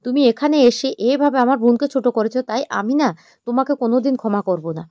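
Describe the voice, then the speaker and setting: A woman's voice: on the high side, fast talker, mellow, dry recording, highs cut off, close to an everyday voice. A woman voicing a furious young husband. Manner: commanding, furious.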